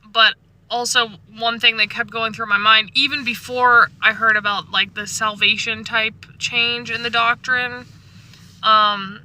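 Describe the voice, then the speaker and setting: A woman's voice: on the high side, level tone, measured pace, sharp tone, poor audio. A woman vlogging from inside her parked truck in casual, rambling, slangy chat, with faint ambient noise behind her.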